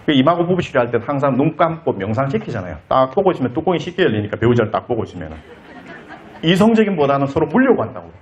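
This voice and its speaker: A man giving an animated counseling lecture at a conference, acting out quoted lines in different voices. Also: mid-range voice, racing, highs cut off, a little hiss or hum. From South Korea. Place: lecture hall.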